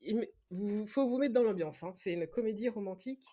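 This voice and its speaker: A woman in a relaxed online chat among friends, talking in a middle pitch. She explains things with animation and laughs often as she goes. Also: a little fast. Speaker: podcast co-host presenting a film pick. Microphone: online call setup.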